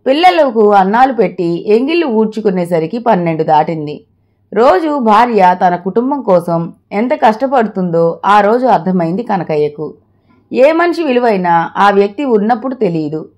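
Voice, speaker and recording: A woman storyteller reading moral stories aloud in a measured, friendly manner. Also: medium pitch, sing-song, a little mellow.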